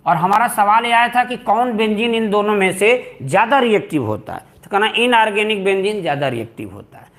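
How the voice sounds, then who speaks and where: High-voiced male chemistry teacher, repeating points. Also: lively intonation, fairly quick, few pauses, a bit bright. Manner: repeats key terms, addresses students as beta; stresses what is important, mixes English terms into Hindi. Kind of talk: classroom lecture.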